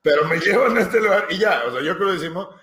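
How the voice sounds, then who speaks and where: A young man tells a story in a relaxed chat, slangy and animated, and drops English phrases in. His voice is bright and a little high. The room adds a roomy echo. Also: fast talker. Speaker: podcast co-host.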